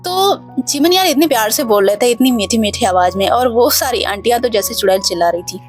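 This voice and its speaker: A woman's voice: fairly high pitch, animated, brisk, faint music behind. A woman casually retelling a video clip in a gossipy, exclamatory way. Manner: gossipy and exclamatory, often says "yaar" and "seriously". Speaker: video explainer narrating a clip.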